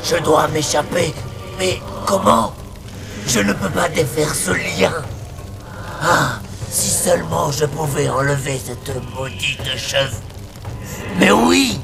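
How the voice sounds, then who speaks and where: Little lost skeleton, played by a man, earnest and worried, slow and gravelly. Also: fairly high pitch, over loud music, full character voice. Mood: anxious. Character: small nameless skeleton, young and confused. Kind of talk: audio drama acting.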